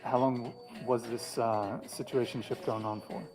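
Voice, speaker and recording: A man's voice: mid-range voice, fairly even intonation, unhurried, music in the background, low-quality recording. A man hosting a panel show, asking guests blunt questions in a casual, joking way and swearing now and then.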